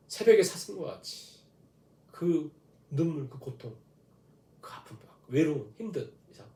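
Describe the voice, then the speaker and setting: A man's voice: on the high side, darkish tone, echoey room. A man preaching a dawn prayer sermon, asking rhetorical questions and leading the congregation through scripture readings. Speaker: pastor. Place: church sanctuary.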